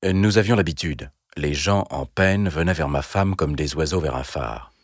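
A man narrating a story in the first person, in a measured, deliberate way. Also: extremely low pitch, no room sound, studio quality. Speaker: audiobook narrator.

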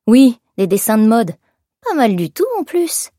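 A woman voicing a gruff, leering man in his forties with a gravelly voice, mocking and coaxing in an audiobook. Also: on the high side, big pitch swings, measured pace, warm tone, dry recording, studio quality.

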